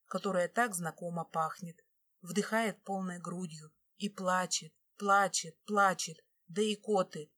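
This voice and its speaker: Рассказчица, хрипловатый тембр, выразительное повествование. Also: female voice, on the low side, fairly bright tone. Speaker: audiobook narrator. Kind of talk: scripted narration.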